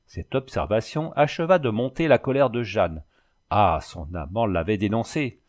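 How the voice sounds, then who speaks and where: A man's voice: fairly low pitch, normal speed. A man narrating a story aloud as an audiobook, with dramatic delivery. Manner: expressive, dramatic. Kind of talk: audiobook reading.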